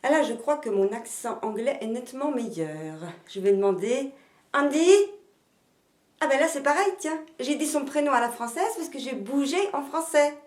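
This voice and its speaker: Lively teacher in an echoey room. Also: female voice, high voice, moderate pace, few pauses. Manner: demonstrative, rhythmic, sounding out syllables. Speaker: language teacher. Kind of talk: pronunciation lesson.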